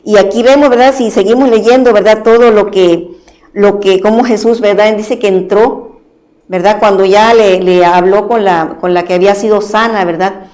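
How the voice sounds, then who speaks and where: Female preacher at a church program: reads scripture, then explains it in halting phrases that each end in a tag question. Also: medium pitch, fairly even intonation, darkish tone. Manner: repeats a tag question after nearly every phrase; halting, with many restarts. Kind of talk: Bible reading and preaching.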